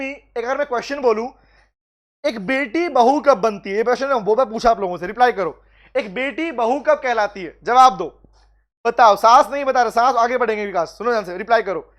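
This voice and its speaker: A high-voiced man teaching law in a live online class. He mixes in English legal terms and keeps pressing students to reply fast. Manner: calls out students by name, urges quick replies. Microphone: video call.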